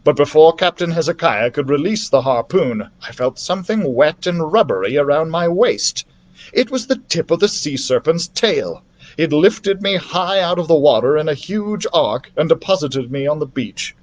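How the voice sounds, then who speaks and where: As a library storyteller, a man reads a children's adventure story aloud theatrically and expressively. His voice is fairly high-pitched, at a moderate pace.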